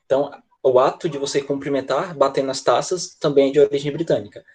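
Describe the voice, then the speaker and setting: Man, from Brazil, English teacher, husky voice, explanatory, frequent check-ins. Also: medium pitch, fairly even intonation, quick pace, a little mellow. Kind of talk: online class lecture.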